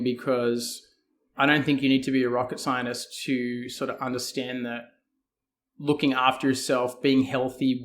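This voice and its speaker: An Australian man with a medium, slightly bright voice speaks as a guest in a conversational interview. A fitness coach, he hedges and thinks aloud as he answers.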